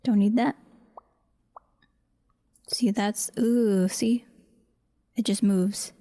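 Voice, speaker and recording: With soft music playing behind her, a woman voice actor casually narrates a screen-recorded audio editing session, thinking aloud and murmuring to herself in brief fragments. Her medium-pitched, dark voice stays fairly even, and she draws out her words.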